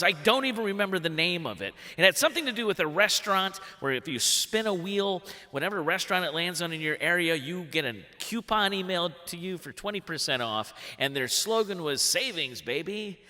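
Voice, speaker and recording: A man in his forties telling a funny true story on stage, in an animated way that jumps into big voices for the quotes. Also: fairly high pitch. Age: 40s. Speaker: workshop storyteller. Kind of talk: live comic personal storytelling. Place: stage in a theatre hall. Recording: long hall reverb.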